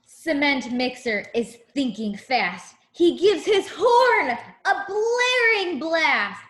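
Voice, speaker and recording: A high-voiced woman reads a picture book to small children at a slow, unhurried pace, adding asides to her listeners. Her intonation swings widely and expressively, her tone is fairly bright, and she keeps her words simple like a teacher with young pupils, while the room gives a noticeable echo.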